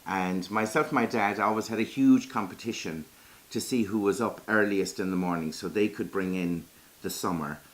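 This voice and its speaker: A man from Iveragh in County Kerry, Ireland, tells folklore in a lilting, conversational storyteller's style with a Kerry accent. His voice is lowish and moderately paced.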